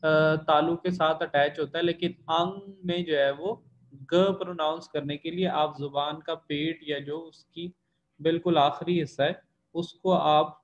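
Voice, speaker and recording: A man teaching a language lesson online, speaking slowly and patiently with a somewhat raised pitch. He draws out the example syllables as he explains them. The recording sounds dull and lo-fi. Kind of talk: online class lecture. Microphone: online class recording.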